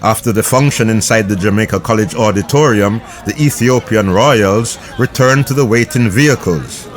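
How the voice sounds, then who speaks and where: A man giving scripted documentary narration in a measured, formal way. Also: lowish voice.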